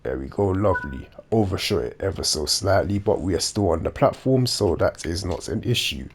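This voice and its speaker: Male game commentator, low-pitched, stuffed-up nasal delivery, dopey edge, explains procedures step by step. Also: lively intonation, moderate pace, slightly rough. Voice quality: nasal, blocked-nose congested sound. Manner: dopey-sounding, matter-of-fact explaining. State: congested with a blocked nose. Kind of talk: measured instructional gameplay commentary.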